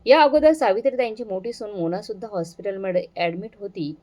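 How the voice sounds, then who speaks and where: A woman storyteller narrating a moral family story in a steady, earnest reading. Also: mid-range voice, a little fast, dull audio.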